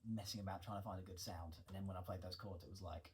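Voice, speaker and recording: Man, very deep voice, quick talker, laid-back, casual chat. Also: steady tone, darkish tone, husky. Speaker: music producer and co-host.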